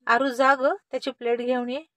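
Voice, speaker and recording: A woman's voice: sits high, flat delivery, brisk, a bit bright, no echo. A woman doing an exasperated scolding mother. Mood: puzzled.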